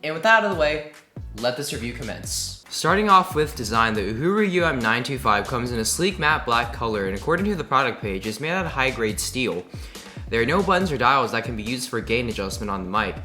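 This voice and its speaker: A man's voice: medium pitch, sing-song, brisk, pushed and bright. A man giving a scripted, upbeat product review into a desk microphone. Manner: upbeat, enthusiastic. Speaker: tech reviewer. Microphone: desk USB condenser mic. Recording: roomy echo, faint music.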